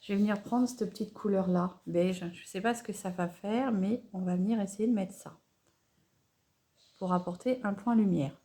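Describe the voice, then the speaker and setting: Narrating every step of a makeup tutorial, a woman keeps things casual and down-to-earth, though her speech stops and starts with stammers and self-corrections. She speaks at a moderate pace in a warm, medium-pitched voice.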